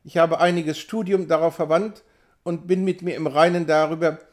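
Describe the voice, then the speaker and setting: A man's voice: a little high, steady tone, normal speed, close to an everyday voice. A man reading an audiobook, voicing a brash, cynical young male patient with a nonchalant, mocking drawl. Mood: coolly mocking.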